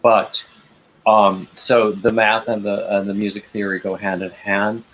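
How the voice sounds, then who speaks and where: A man's voice: lowish voice, a little slow, poor audio. A man hosting a livestream in a casual, conversational style. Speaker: livestream host. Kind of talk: casual chat. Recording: steady noticeable background noise.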